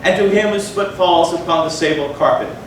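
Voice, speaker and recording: A readers theatre performer gives a dramatic live stage reading of a gothic tale, his slightly high voice measured and theatrical with deliberate pauses. He's captured from far off in a large, echoey hall, so the recording is heavily reverberant and plainly noisy.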